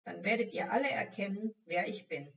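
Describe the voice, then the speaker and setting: Woman voicing a calm steady teacher. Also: medium pitch. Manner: calm, slow and clear. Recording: dull, slightly distant recording.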